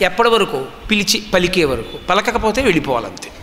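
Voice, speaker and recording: A man's voice: high-pitched, sing-song, fairly quick, fairly bright tone, slight background noise. A man from the Andhra region giving a religious discourse, teaching emphatically and asking rhetorical questions. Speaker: spiritual discourse speaker. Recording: long hall reverb.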